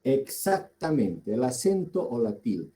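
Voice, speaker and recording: A male teacher with a Bolivian Spanish accent giving a deliberate lecture, repeating key words and putting questions to his students. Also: mid-range voice, sing-song, warm tone, poor audio. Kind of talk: slow classroom lecture.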